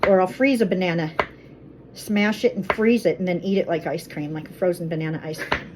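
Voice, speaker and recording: A woman's voice: fairly low pitch, fairly quick, noisy background. A woman chatting casually as she makes fruit water in her home kitchen. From Colorado. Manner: chatty, friendly, talks while cooking. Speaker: vlogger.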